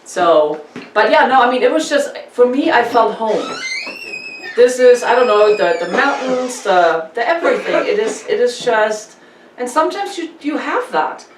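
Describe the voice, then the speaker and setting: A man from Germany with a German accent, hosting a casual interview and talking in an animated, chatty way with many repeated words. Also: extremely high pitch, normal speed, background noise. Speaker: podcast host. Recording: roomy distant mic with faint ambience.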